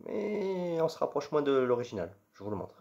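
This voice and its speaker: A man's voice: fairly high pitch, sing-song, moderate pace, creaky, lo-fi sound. A man teaching guitar chords and strumming in a patient, step-by-step way, singing the strum patterns with syllables. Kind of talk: casual guitar tutorial. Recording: guitar playing loud behind speech. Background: acoustic guitar.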